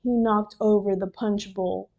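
A woman reading a children's picture book aloud, slowly and expressively, with sound effects. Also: medium pitch, fairly even intonation, dark tone, lo-fi sound. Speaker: storybook reader.

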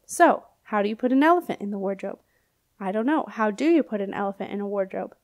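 A woman's voice: mid-range voice, expressive, quick pace, natural voice. A woman voicing a cheerful ancient male ghost knight who guards a princess's door and tells silly jokes. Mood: joking. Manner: jovial, chuckling, jokey.

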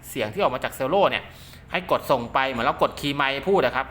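A man gives an informal, hands-on demonstration of equipment. His voice is bright and forward, and he talks quickly, circling back over points with frequent polite tags. Some noise sits behind the voice. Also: medium pitch. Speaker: product demonstrator and maker of radio link cables. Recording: clear background noise.

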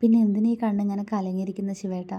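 A woman voicing a tender young wife who asks soft, pleading questions in a storybook romance. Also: medium pitch, level tone, very fast, highs cut off, lightly acted.

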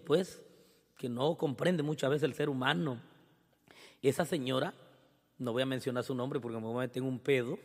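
A man with a Mexican accent doing crude, teasing stand-up banter as emcee at a live show, rowdy and quick to laugh. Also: medium pitch, vocal fry, a bit bright, breathy edge. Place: live concert stage. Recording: reverberant live venue with band music. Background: band music.

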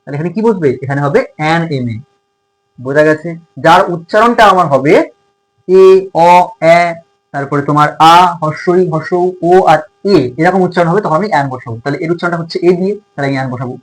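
A man's voice: fairly high pitch, quick pace, rough recording. A male tutor with a Bengali accent teaching a grammar lesson, asking his students questions and answering them himself.

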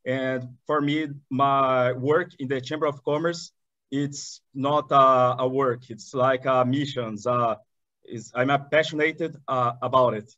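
Speaking English haltingly and restarting frequently, this eager guest is a chamber of commerce director in his thirties, a Portuguese speaker from southern Brazil with a Brazilian accent. His mid-range voice sounds steady yet sharp. The video call interview was picked up by a webcam in an indoor room before curtains, giving dull, dry audio with no room sound.

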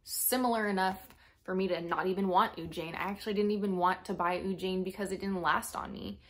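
A woman's voice: mid-range voice, brisk. Casual young American woman talking with braces. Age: young adult. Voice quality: slightly impeded articulation from braces. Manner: informal, expressive, slangy. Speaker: perfume reviewer. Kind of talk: casual chat, product review to camera. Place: small furnished room at home, indoors.

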